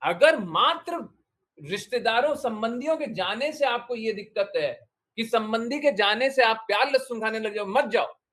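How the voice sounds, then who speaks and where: A man's voice: very high-pitched, expressive, normal speed, bright, forceful tone. A man giving a devotional discourse, exhorting his listeners with repeated short commands and questions. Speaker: spiritual teacher.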